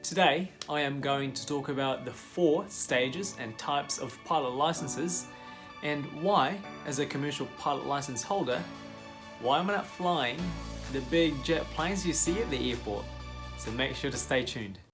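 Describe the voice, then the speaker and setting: A young commercial pilot from the Philippines, speaking with a Filipino accent, casually explains pilot licenses to his viewers. His mid-range voice is unhurried and plays over music, friendly and direct, with frequent fillers.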